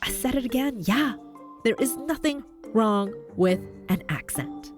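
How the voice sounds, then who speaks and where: A Canadian podcast host and voice coach with a neutral North American accent delivers a scripted monologue over soft background music. She's upbeat and encouraging, speaking a little slowly with lively intonation and big pitch jumps for emphasis.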